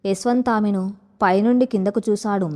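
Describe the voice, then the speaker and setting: A woman's voice: medium pitch, steady tone, moderate pace, warm tone. Woman narrating a story. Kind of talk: scripted audio story narration.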